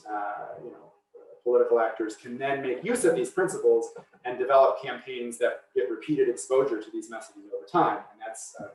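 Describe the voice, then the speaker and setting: A man's voice: mid-range voice, distant mic. A man answering seminar questions over a video call, with a mid-range voice. He sits some way from his mic in a roomy space. He thinks aloud, with frequent restarts and fillers. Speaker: seminar speaker. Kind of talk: academic Q&A answers.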